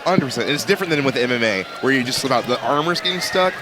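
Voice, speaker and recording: A man commentating on a fight live, explaining the action with animated asides. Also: mid-range voice, fast talker. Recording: very noisy venue.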